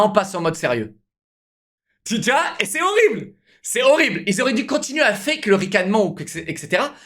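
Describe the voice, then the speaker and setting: A young man, a streamer telling a story casually to his live chat, animated and repetitive, often calling out to the viewers. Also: high voice. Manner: animated, repeats himself, addresses viewers as guys.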